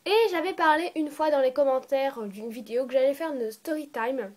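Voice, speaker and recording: Chatty, high-voiced woman telling a story. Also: moderate pace, a little mellow. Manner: rambling, chatty, often restarts and corrects herself. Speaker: storytime vlogger. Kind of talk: casual storytime narration. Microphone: phone or tablet voice recording.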